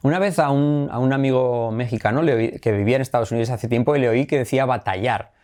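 Lively teacher drilling English phrases. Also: male voice, medium pitch. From Spain. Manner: lively, repeats English phrases slowly for practice. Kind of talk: Spanish-language English lesson.

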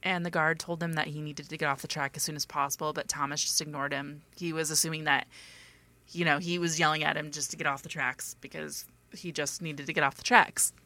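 A woman's voice: sits low, flat delivery, a little fast, pushed and bright. A woman hosting a casual chat podcast, narrating a story and laughing often with her co-hosts. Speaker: podcast host telling the story.

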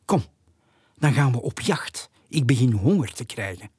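A storyteller voicing a calm, level-headed little owl with a breathy, matter-of-fact voice in a storybook. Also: medium pitch, measured pace, dry recording, studio quality. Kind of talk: storybook character voice.

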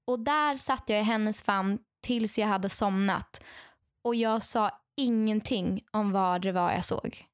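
A young adult woman casually telling stories to a friend, lively and acting out what others said, with many fillers. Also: mid-range voice, clear, resonant tone, no room sound. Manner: animated, acts out quoted dialogue; frequent fillers and restarts. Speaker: podcast co-host telling stories. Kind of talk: casual storytelling chat.

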